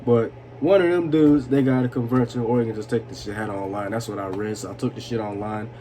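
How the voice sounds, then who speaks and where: A storytelling vlogger in his 20s speaks fast in a mid-range voice, recounting personal stories in a casual, profane, slangy way. He's tipsy, rambles, chuckles, and often says "you know what I'm saying," recorded in a noisy room with steady background noise.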